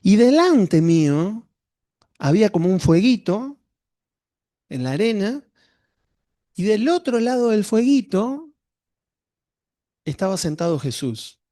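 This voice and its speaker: Male pastor, higher-set voice, dry close sound, conversational testimony. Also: sing-song, slow, pauses often, warm tone, no echo. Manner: conversational storytelling, addresses the congregation directly. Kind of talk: sermon with a personal testimony.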